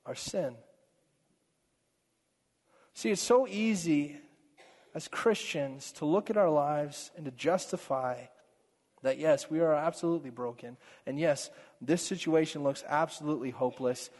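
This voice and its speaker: A man preaching a sermon as pastor, earnest, swinging between fervent passages and hushed ones. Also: on the high side, unhurried, long pauses, long reverb tail.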